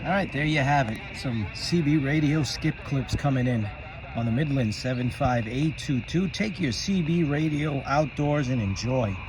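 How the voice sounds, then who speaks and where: A man's voice: medium pitch, moderate pace, heavy background noise. A man presenting a video like a radio DJ, with an announcer's showmanship. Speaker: host.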